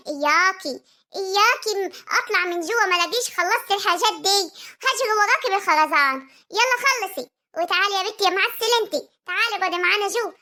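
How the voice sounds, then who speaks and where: A woman's voice: extremely high pitch, bright, forceful tone, exaggerated voice. A woman voicing a bossy, nosy old village woman with a rural Egyptian accent, scolding and giggling between words. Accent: rural Egyptian Arabic.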